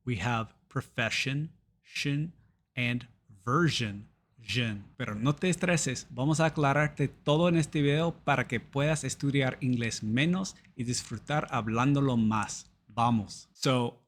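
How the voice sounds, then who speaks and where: A man teaching pronunciation in a scripted lesson, his voice sitting in an ordinary middle pitch. He speaks clearly and deliberately, moving between Spanish and English and drawing out example words slowly so each sound can be heard.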